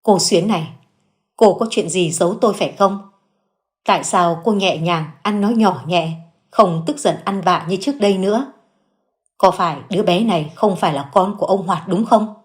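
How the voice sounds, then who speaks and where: A woman's voice: medium pitch, moderate pace, close to an everyday voice. A woman voicing an elderly widow who questions her accuser in a firm, cold tone. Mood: suspicious.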